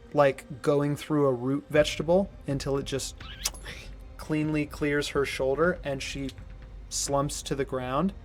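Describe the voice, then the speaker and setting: A man running a tabletop game as game master, relaxed and chatty with lots of fillers. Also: mid-range voice. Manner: relaxed, laughs often, filler-heavy.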